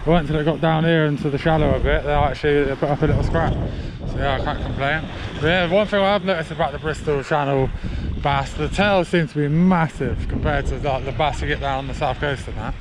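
A man's voice: on the high side, fairly even intonation, fairly quick, few pauses. A young man vlogging his fishing trip outdoors on a sea wall, talking in a rambling, chatty way into a handheld camera mic, with "but yeah" over and over. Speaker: angler vlogger. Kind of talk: casual outdoor vlog. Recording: loud wind noise outdoors. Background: wind and water.

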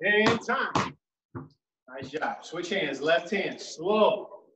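A man's voice: high voice, animated, drawn-out words. A man coaching basketball dribbling drills, counting out reps and calling cues with encouragement. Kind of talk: home workout drill instruction. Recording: echoey room, mic far off, loud noise.

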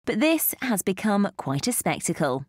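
A woman news reporter giving scripted narration in a measured, clear delivery. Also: mid-range voice, very animated, a little mellow, dry recording, studio quality.

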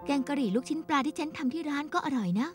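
A woman's voice: high-pitched, racing, over music, lightly acted. A woman dubbing a nosy friend who teases and pries, in a Thai TV drama dub. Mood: teasing. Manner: teasing, prying. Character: nosy teasing grocery-shop friend.

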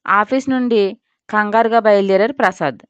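A woman's voice: medium pitch, moderate pace, smooth, no room sound, highs cut off. A woman reading a scripted audio story aloud and voicing every character herself. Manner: reads all characters in a mostly even voice.

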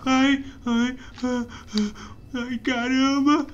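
A man with a Brazilian accent doing let's play commentary, excitable and often breaking into frightened screams and cries. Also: very high-pitched, extremely slow, muffled recording. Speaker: gaming YouTuber.

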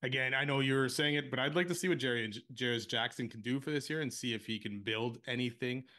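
A man's voice: medium pitch, quick pace, sharp tone. A man co-hosting a casual sports podcast, easygoing and often hesitant as he thinks aloud. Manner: easygoing, hesitant with many uh fillers. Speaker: podcast co-host.

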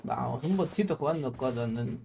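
A man with a Peruvian accent streaming a shooter game, excitable and swearing, calling his teammates "papi". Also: medium pitch, moderate pace, gravelly. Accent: Peruvian Spanish. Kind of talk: casual gaming livestream chat. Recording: gunfire and game noise behind. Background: loud video game gunfire.

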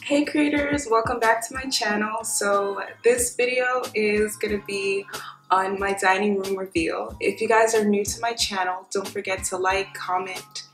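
A woman's voice: medium pitch, steady tone, unhurried, fairly bright tone. A young woman gives a gushing, casual makeover reveal to camera. She talks like a home decor vlogger, enthusiastic and informal. The room adds audible echo, and faint music plays behind her. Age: young adult. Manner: gushing, enthusiastic about finds. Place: small dining room at home, indoors.

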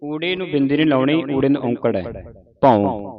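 A man's voice: a little high, quick pace, a crowd in the background. A man teaching scripture recitation, reading verses line by line and correcting pronunciation in a call-and-repeat lesson. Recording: distant mic, dull lo-fi sound, group of learners in the room. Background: group of learners.

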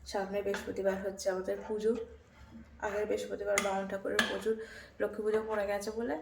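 A woman talking softly through a casual daily home vlog, tired after a workout. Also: mid-range voice, monotone, fast talker, vocal fry. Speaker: vlogger. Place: home kitchen. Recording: echoey room with loud household noise.

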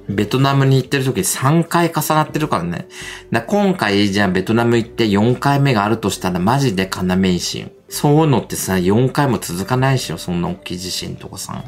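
A middle-aged man livestreaming casual chat, gossipy and quick to laugh. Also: fairly low pitch. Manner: animated, gossipy, laughs often.

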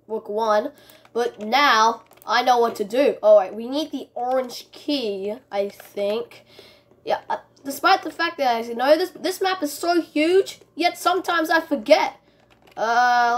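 A woman's voice: on the high side, slight background noise. Chatty woman narrating her gameplay. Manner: chatty, excitable, rambling with restarts. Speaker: gaming video creator. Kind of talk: casual gameplay commentary.

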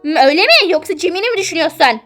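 A woman's voice: extremely high pitch, expressive, very fast, fairly bright tone, faint music behind. A woman voicing a strict, nosy middle-aged mother in a toy-game role-play, scolding and suspicious.

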